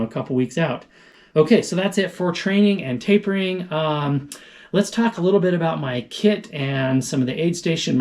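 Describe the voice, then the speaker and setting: A man talking casually to camera as a running vlogger, explaining things informally and thinking aloud. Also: mid-range voice. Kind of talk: casual vlog talk to camera.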